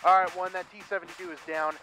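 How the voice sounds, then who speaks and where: Higher-pitched man commanding over game radio chatter. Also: flat delivery, fast talker, bright, forceful tone, soft background music. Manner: matter-of-fact orders with casual asides. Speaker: platoon commander in a military simulation game. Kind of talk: military radio chatter in gameplay.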